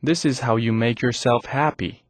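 A man reading short English practice sentences very slowly and clearly for learners. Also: mid-range voice, dry recording. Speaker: English example reader.

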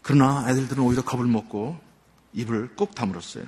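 An older man, a church elder, gives a heartfelt testimony, telling his story earnestly with many pauses. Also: medium pitch, darkish tone. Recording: long hall reverb.

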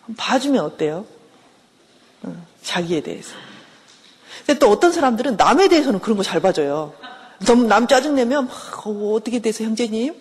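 A woman's voice: a little high, very animated, normal speed, long pauses, a little mellow, husky, big-room sound. A middle-aged woman professor giving a conversational counseling lecture, often asking her listeners questions. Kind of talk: classroom lecture.

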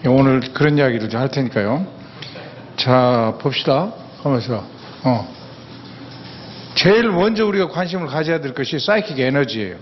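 A man's voice: mid-range voice, animated, moderate pace, long pauses, a little hiss or hum. Brief: male lecturer in a lecture hall, folksy and plain-spoken, long hall reverb, muffled recording. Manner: folksy, plain-spoken, with frequent affirming "yes" fillers. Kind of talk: public lecture on mental health.

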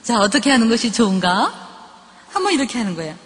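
Middle-aged woman, professor, lively storytelling, higher voice, big reverberant hall. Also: fast, slight background noise. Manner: lively storytelling, acting out family dialogues. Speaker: professor lecturing on parenting. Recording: long reverb of a large hall.

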